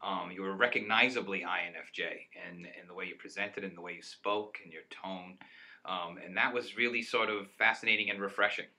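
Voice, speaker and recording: A man co-hosts a casual chat, talking at length in an excited, rambling way and breaking into laughter. His voice is very bright and forward. He sounds like a young adult. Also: low-pitched, a little fast. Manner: rambling, enthusiastic, laughs often. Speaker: co-host.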